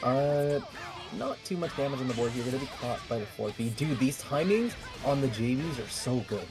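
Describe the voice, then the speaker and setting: Male co-caster, animated analysis, background music. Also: mid-range voice, moderate pace. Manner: chatty analysis, bursts of loud excitement. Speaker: tournament commentator. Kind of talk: fighting game commentary.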